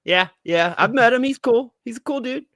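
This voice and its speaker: A man playing an easygoing young Spider-Man superhero, chatting casually and a little haltingly as a podcast guest reviewing a film. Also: extremely high pitch, lively intonation, fairly bright tone, no room sound, studio quality, full character voice. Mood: casual, amused.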